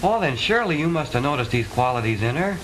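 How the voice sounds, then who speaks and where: A man's voice: on the high side, sing-song, fast talker, a bit bright, rough recording. Stagey lovestruck college boy. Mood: smitten. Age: young adult. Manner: florid, declamatory, stagey old movie delivery. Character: lovestruck, earnest, melodramatic college-boy son. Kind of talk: stagey 1920s early-talkie comedy film acting. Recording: hissy 1920s film soundtrack.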